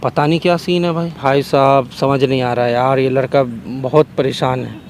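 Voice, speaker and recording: A man hosting a hidden-camera prank outdoors in a park, talking in an excited, repetitive way and urging others on. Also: mid-range voice, moderate pace, slight background noise. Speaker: prank video host.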